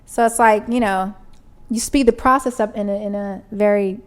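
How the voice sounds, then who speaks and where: A woman's voice: medium pitch, steady tone, moderate pace. A woman co-hosting a podcast, chatting earnestly with many fillers. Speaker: podcast co-host. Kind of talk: casual chat.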